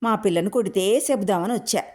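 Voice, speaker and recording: A woman doing a loud quarrelsome village woman. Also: mid-range voice, quick pace, lightly acted. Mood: loud complaining. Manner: wailing, complaining loudly.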